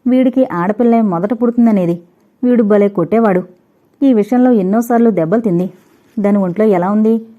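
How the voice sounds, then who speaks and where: Chatty teasing young wife, woman narrator doing her, fast playful talk, tinny phone sound. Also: medium pitch, natural voice.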